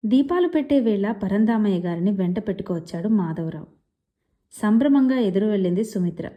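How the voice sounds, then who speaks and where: A woman's voice: medium pitch, expressive, a little fast. Woman reading a story aloud, lo-fi. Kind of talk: scripted story narration.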